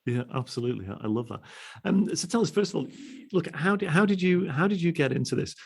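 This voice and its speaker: A man's voice: on the high side, animated, creaky, darkish tone, breathy edge. A man hosting a podcast interview, talking casually with many restarts. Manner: halting, many restarts and "you know". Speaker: podcast host.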